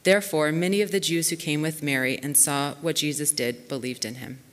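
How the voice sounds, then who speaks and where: A woman's voice: low-pitched, steady tone, brisk. Woman reading scripture in a reverberant hall. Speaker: scripture reader. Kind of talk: reading scripture in a church service. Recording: long reverb of a large church hall.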